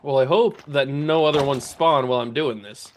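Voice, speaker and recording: A man giving casual commentary while playing a game, thinking aloud, talking to enemies, his voice a little rough and strained. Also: mid-range voice, normal speed, a little hiss or hum. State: voice going, clearing throat. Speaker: let's play gamer.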